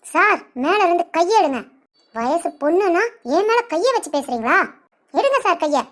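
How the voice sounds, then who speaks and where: A woman's voice: very high-pitched, big pitch swings, moderate pace. A woman voicing an old woman who lost her memory and acts like a young girl, whiny and demanding. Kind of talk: cartoon voice acting.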